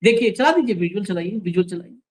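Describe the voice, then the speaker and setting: A man hosts an opinionated news commentary show, speaking sarcastically and emphatically while directing the crew to roll clips. His voice sits high with lively intonation, he talks fast, and the recording is rough.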